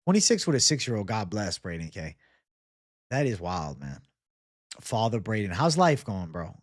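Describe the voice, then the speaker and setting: A man's voice: on the low side, big pitch swings, moderate pace, no room sound. Casual, slangy man livestreaming, dry close sound. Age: 20s. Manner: slangy bro-talk with frequent swearing. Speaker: livestream host. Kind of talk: casual livestream chat, reading and answering viewer comments.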